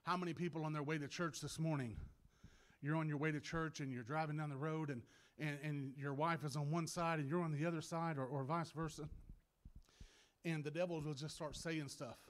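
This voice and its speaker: A man preaching a sermon, often restarting his words, sometimes choked up and clearing his throat, and rising to loud, shouted passages. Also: fairly even intonation. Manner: builds from low, halting talk to loud, shouted preaching with many restarts.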